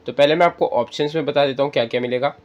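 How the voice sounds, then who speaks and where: Speaking rapid-fire at a medium pitch, this male tutorial host explains a screen-reader app one step at a time, calling his viewers friends. The audio has its highs cut off and a noisy background.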